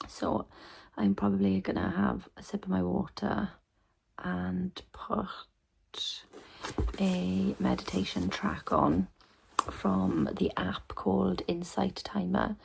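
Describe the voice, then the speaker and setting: A tired young woman chatting softly to camera from her bedroom at night, often half-whispering in a sleepy, rambling way. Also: on the low side, expressive, slow pace, gravelly, breathy edge. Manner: soft, rambling, sleepy talk with many ums. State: tired, yawning. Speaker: family vlogger.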